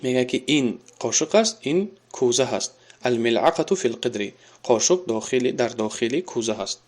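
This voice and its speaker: A man teaching a recorded Arabic grammar lesson. He reads example sentences slowly and then explains them at length, with fillers. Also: medium pitch, lively intonation, a little mellow. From Tajikistan.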